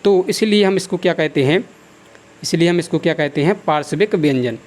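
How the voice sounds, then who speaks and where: A man with a high voice teaches a class in a lecture style. He keeps asking questions and answering them himself. He repeats key terms and dictates notes at a slow, even pace.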